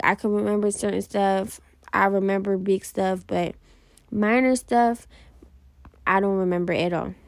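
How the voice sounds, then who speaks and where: A young woman hosting a casual motivational podcast, talking fast and passionately with plenty of repetition and casual slang. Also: medium pitch, gravelly, dry recording. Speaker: podcast host.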